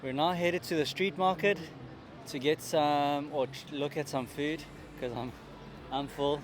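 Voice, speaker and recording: A man's voice: fairly high pitch, fairly even intonation, unhurried, a crowd in the background. A man narrating a travel vlog outdoors in brief, matter-of-fact remarks. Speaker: travel vlogger. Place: outdoors in a city.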